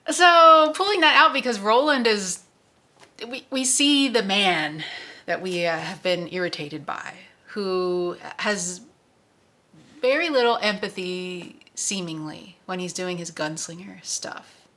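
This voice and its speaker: A woman's voice: medium pitch, slow, sharp tone. Chatty woman hosting a book club. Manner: chatty, self-correcting, conversational. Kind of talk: casual book discussion.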